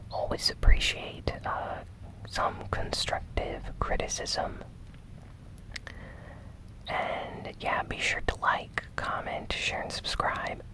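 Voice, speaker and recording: An ASMR gaming news host whispers the whole time, giving a slow, soft, unhurried news recap close to the microphone. The audio is poor.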